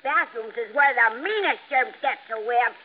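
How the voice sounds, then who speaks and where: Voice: mid-range voice, unhurried, lightly acted. An actor voicing a cute, bratty little boy germ who is gleefully mean, in a cartoonish 1950s radio commercial. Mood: gleefully naughty. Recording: lo-fi vintage radio broadcast, narrow band.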